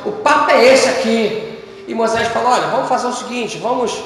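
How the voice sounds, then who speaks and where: Preaching a sermon in an echoey church hall, a pastor with a Brazilian Portuguese accent retells scripture stories and acts out the dialogue. He speaks fairly quickly, swinging between loud bursts and low tones.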